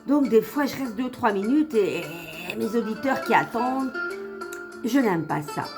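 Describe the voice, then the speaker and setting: A slightly high, expressive woman's voice at a moderate pace: an online tarot reader and host giving her followers a casual reading. She's chatty and encouraging, repeats phrases for emphasis, speaks with a slight lisp, and trips over her words when pleased. Instrumental music plays behind her.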